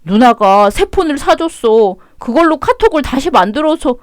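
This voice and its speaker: A woman's voice: high voice, big pitch swings, moderate pace, dry recording, studio quality. A woman voicing a cheating middle-aged husband who whines and begs desperately. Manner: pleading, whiny.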